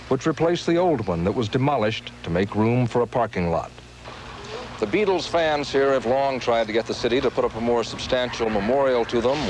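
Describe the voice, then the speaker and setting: Measured male news correspondent. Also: mid-range voice, slight background noise, low-quality recording. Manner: measured, formal reporting. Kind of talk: scripted news report.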